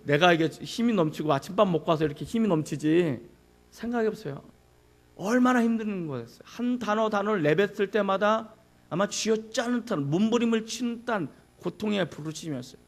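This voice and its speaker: A man's voice: sits high, animated, brisk, creaky. A male pastor preaching a sermon, who asks the congregation questions and acts out anguished cries.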